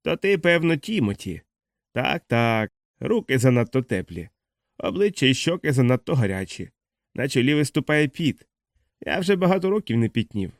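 A man voicing a gruff, bearded undead uncle who talks in a cold, mocking, menacing way. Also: mid-range voice, sing-song, moderate pace, dry recording, clean studio sound.

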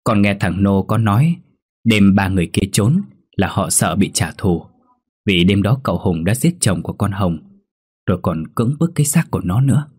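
A man's voice: on the low side, animated, normal speed, a little mellow, husky. A man voicing a fearful, deferential older steward who speaks hesitantly and humbly.

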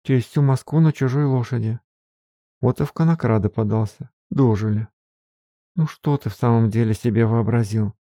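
A man's voice: normal speed, warm tone, no echo, clean studio sound, lightly acted. A man reading an audiobook, voicing a tender but scolding young woman by raising his voice. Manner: voice raised to a higher register for the woman.

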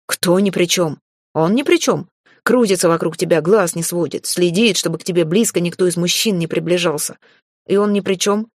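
Woman doing a hotheaded blond mage guy, blustering and yelling, lowish husky voice, dry recording. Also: moderate pace, no echo, lightly acted. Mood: furious. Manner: shouting, indignant and blustering. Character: hot-tempered blond male mage, young man.

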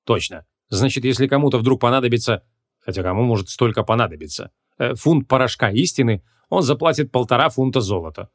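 Gruff ancient archmage, read by a man, imperious and quick-tempered, expressive, fantasy audiobook. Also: medium pitch. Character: grumpy ancient male archmage, hot-tempered.

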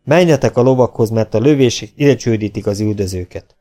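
A man voicing a calm, fearless outlaw leader with a musical baritone, who speaks quietly and with cold self-assurance. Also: lightly acted. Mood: commanding.

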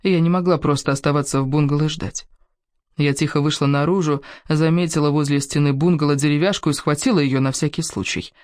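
A man's voice: on the high side, fairly even intonation, a little fast, a little mellow, no room sound, studio quality. A man narrating a first-person story in a tense, dramatic reading.

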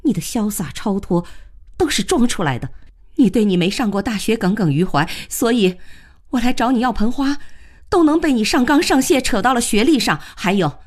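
A woman playing a sharp-tongued, educated young teacher who lectures her opponent. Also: fairly high pitch, pitched above the performer's own voice. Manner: cutting, lecturing.

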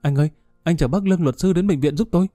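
An anxious young woman, voiced by a man, pleads with urgency in a raised, lifted tone. The voice stays dark and mellow and is recorded dry, like a storybook reading. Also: on the high side, quick pace, dry recording, voice pushed up, lightly acted. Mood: alarmed.

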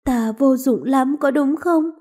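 A woman's voice: high-pitched, normal speed, mellow, close to an everyday voice. A woman voicing a proud young princess who speaks with passion and pleading. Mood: anguished. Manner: impassioned, pleading.

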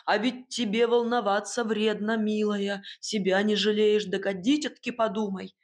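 A woman voicing a smooth-talking, mocking unfaithful husband. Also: medium pitch, fairly even intonation, moderate pace, close to an everyday voice. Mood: placating. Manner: mocking, placating.

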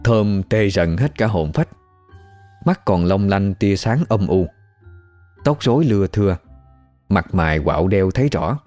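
A man narrating a ghost story in an expressive storytelling manner. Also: low voice, a little slow, long pauses. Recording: faint background music.

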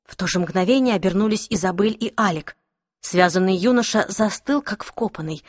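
A woman narrating a fantasy novel as an audiobook, in an even, clear storytelling manner. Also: medium pitch, moderate pace, dry recording, clean studio sound. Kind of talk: scripted narration.

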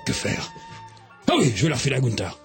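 A man performing a crude, boastful comic sketch monologue as a radio columnist, shouting and muttering by turns. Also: mid-range voice, very animated, racing, faint music behind.

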